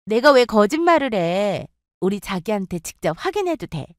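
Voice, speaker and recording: A woman's voice: medium pitch, big pitch swings, normal speed, dry recording, studio quality, lightly acted. A woman voicing a jealous, taunting young woman who gloats over stealing her friend's ex. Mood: gloating. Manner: smug, gloating and needling. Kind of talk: storytelling with acted dialogue.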